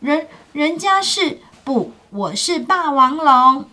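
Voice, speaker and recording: A woman's voice: high-pitched, sing-song, slow, bright, forceful tone, pitched above the performer's own voice, exaggerated voice. A woman voicing a small, kind baby pterosaur in a childlike, wavering voice. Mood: nervous.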